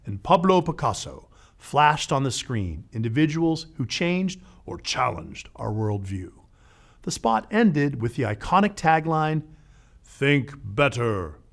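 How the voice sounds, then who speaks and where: A man hosting an educational show, narrating a script in a lively way with playful asides. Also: medium pitch, creaky. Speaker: podcast host.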